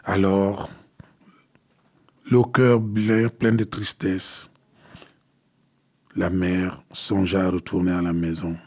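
Slow, husky-voiced male storyteller. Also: deep voice. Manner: calm, unhurried narration. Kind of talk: fairy tale reading.

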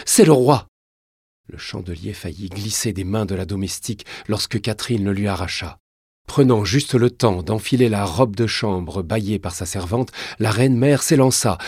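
Give me a man reading a novel aloud, husky voice, dead dry room. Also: on the low side, a little mellow, no room sound. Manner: measured storytelling, dramatic. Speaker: narrator. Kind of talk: scripted narration of a historical novel.

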